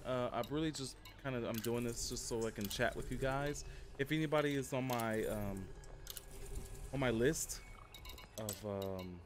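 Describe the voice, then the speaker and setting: A male live streamer with a medium-pitched voice chats informally and rambles to viewers while playing a game. There's slight background noise in the recording.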